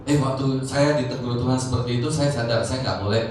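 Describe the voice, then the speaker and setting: A man in his forties, a church leader, tells a personal testimony in a conversational way, full of fillers and growing animated as he retells events. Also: mid-range voice, quick pace, a little hiss or hum. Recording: echoey hall, mic far off.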